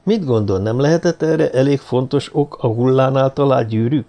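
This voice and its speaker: A man voicing a quick, impatient, sharp-witted detective in an audiobook, eager and commanding. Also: mid-range voice, natural voice. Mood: thoughtful. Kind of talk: audiobook character voice.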